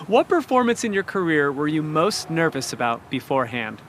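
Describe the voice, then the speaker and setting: A man asking quick, upbeat rapid-fire questions as an interviewer. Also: on the high side, big pitch swings, fairly bright tone, a little hiss or hum.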